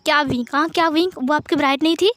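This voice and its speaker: A woman's voice: high-pitched, fast, fairly bright tone, no echo. A woman voicing a playful, teasing young male lover in a storybook read-aloud. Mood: protesting. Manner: teasing, giggly lines.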